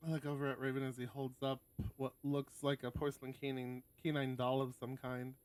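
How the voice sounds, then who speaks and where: A man hosting a visual novel stream reads passages aloud and chats casually, tossing in sweary asides between them. His medium-pitched voice is level, a little fast and a little mellow, with no echo.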